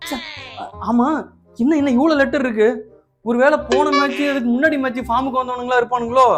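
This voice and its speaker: A man's voice: very high voice, steady tone, fast, loud music behind the voice. A man voicing a comic cricket troll skit in a whiny, mock-dramatic way. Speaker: troll video voice-over artist.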